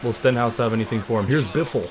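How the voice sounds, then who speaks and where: Excitable young man calling a race. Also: mid-range voice, fast talker, music in the background. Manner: excitable play-by-play, announcer-like. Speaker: gaming streamer. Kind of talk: live racing game commentary.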